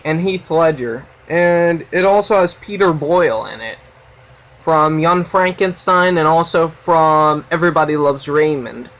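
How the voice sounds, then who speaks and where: A man's voice: high voice, fairly bright tone, rough recording. A man hosting a casual video, rambling with many fillers. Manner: rambling, full of "so yeah" and fillers. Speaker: video host. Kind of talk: casual chat.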